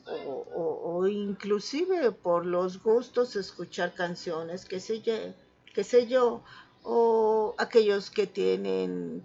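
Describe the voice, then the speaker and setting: A Mexican woman teaches an online class at an unhurried, deliberate pace, patiently checking that her students follow along. Her voice comes through dull and lo-fi, with faint music behind it. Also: on the low side, creaky. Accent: Mexican Spanish. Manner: patient, checks understanding with frequent "¿sí?".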